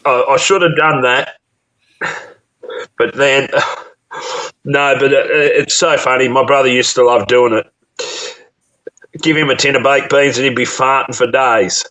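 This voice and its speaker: A man's voice: mid-range voice, steady tone, a little slow, pauses often, sharp tone, poor audio. A man hosting a casual live chat show, telling rambling stories with many restarts and laughs. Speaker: host.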